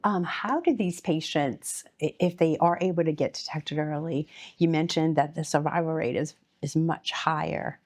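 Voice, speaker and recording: A woman hosts a health podcast, interviewing her guest with steady questions. She drops in short affirmations, and her voice sits slightly low. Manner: friendly interviewer, asks questions with quick affirmations. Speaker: podcast host.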